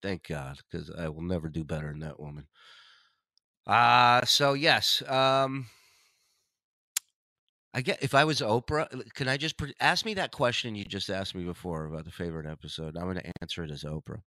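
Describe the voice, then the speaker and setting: A man's voice: deep voice, fast talker, few pauses, fairly bright tone, dry recording. A man hosting a podcast in casual chat, joking and swearing freely. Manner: joking, profane banter. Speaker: podcast host.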